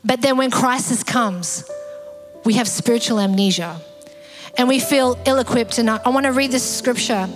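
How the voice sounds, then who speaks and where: Woman pastor, lively sermon delivery with acted-out voices, higher register, soft music bed. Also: normal speed. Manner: animated, acts out quoted voices.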